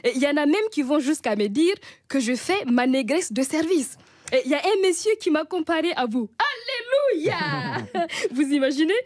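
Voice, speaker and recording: A woman's voice: high-pitched, expressive, fairly quick, darkish tone, no echo. A woman with a Burkinabè accent reading a humorous radio column in a wry, teasing way, chuckling often. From Burkina Faso.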